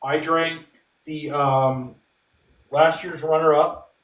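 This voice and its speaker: A man's voice: a little high, level tone, takes it slowly. A man hosting a casual livestream giveaway, talking emphatically, repeating himself and addressing his audience as guys. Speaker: podcast host. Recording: echoey room, distant microphone.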